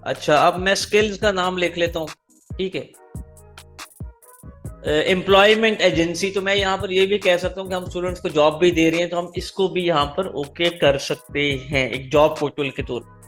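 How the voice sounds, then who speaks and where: A man's voice: high voice, fairly even intonation, moderate pace, fairly bright tone, soft background music. Man teaching an online class. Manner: explains step by step, keeps asking students "clear?". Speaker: online marketing instructor. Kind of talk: live online class, teaching by screen share.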